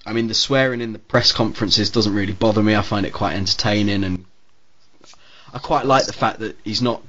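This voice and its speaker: Guy rambling his opinions on a podcast, lowish voice, kinda dull lo-fi sound. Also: a little fast, a bit bright. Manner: chatty, opinionated, laughs easily. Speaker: podcast host. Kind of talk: casual chat.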